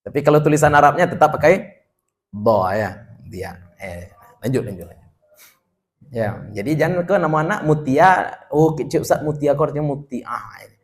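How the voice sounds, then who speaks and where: A man's voice: fairly high pitch, expressive, moderate pace. A man, an Islamic teacher giving a religious study lecture, reading and explaining a text line by line with chatty asides to his students. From Indonesia.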